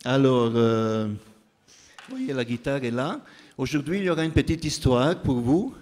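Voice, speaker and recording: A man's voice: mid-range voice, expressive, normal speed, a little mellow. A man leading a children's story moment in church, playful and coaxing as he teaches a chant. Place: large church hall. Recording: church recording with long hall reverb.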